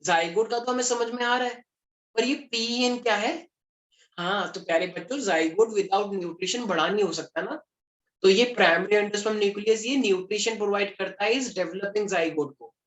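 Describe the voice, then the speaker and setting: A man's voice: high-pitched, moderate pace, a bit bright. Joking young male teacher, echoey classroom. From Delhi, India. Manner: joking, chatty, mixes English terms. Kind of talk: classroom lecture.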